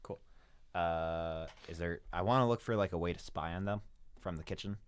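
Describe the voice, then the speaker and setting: A man's voice: low voice, normal speed, clear, resonant tone. A man playing a tabletop game, talking casually and offhand. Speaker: player.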